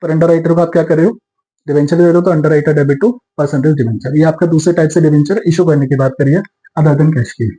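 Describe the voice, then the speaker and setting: A man teaching accountancy in a classroom lecture, explaining step by step, mixing English terms into Hindi in an Indian accent and slowing down to dictate entries. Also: a little high, steady tone, dark tone, low-quality recording. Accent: Indian English terms mixed into Hindi.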